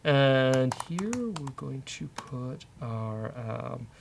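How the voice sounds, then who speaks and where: This coding show host is a British man who speaks extremely slowly yet animatedly, at a medium pitch with some vocal fry. He thinks aloud in a jokey way during a casual live walkthrough, over clattering keys and clicking mice.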